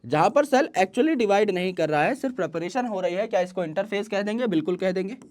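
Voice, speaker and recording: A male teacher explains biology to students in an online class. He keeps asking rhetorical questions and answers them himself, and he slows right down whenever he dictates an English definition. He also brings in homely comparisons from everyday life. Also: high voice, expressive, a little mellow. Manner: mixes English terms into Hindi explanation; uses folksy everyday comparisons.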